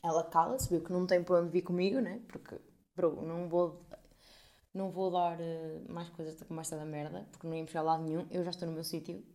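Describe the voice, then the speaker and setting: A woman of twenty-one with a European Portuguese accent, telling a story to her podcast listeners in a casual, animated way, swearing freely and acting out the people she quotes. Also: lowish voice, fast talker. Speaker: podcast host.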